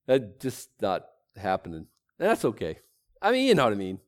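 This middle-aged pastor with a Boston accent has a lowish voice with huge swings in pitch and talks at a normal speed. His sermon is conversational Bible teaching, rambling and self-deprecating, with frequent restarts.

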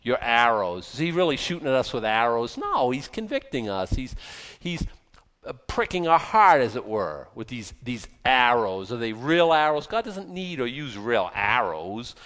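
A man's voice: mid-range voice, very animated, moderate pace, a bit bright. A man in his fifties giving a casual, rambling sermon, self-deprecating and joking, now and then acting out angry outbursts. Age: 50s. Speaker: preacher. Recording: long hall reverb.

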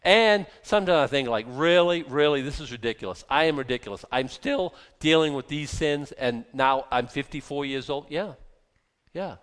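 A man's voice: on the high side, normal speed, a bit bright, smooth. A man in his fifties giving a casual, rambling sermon, self-deprecating and joking, now and then acting out angry outbursts. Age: 50s. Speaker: preacher. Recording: long hall reverb.

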